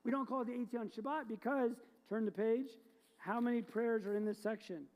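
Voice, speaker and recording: A woman's voice: a little high, brisk, muffled recording. A woman rabbi explaining the prayers to her congregation in a playful, joking way, quizzing them as she goes. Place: synagogue sanctuary. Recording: long sanctuary reverb.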